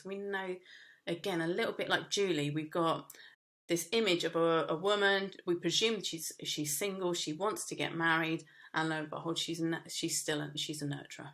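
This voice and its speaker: A woman's voice: low-pitched, creaky, a bit bright. A woman teaching a media studies lesson, explaining casually with frequent fillers and restarts. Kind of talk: recorded lesson.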